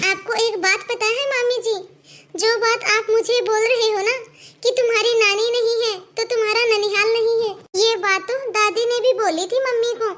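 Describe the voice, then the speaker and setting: Cartoon little girl, earnest and outspoken, really high bright voice, a woman voicing her. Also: a little hiss or hum. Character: outspoken young girl, loyal to her mother. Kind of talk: cartoon voice acting.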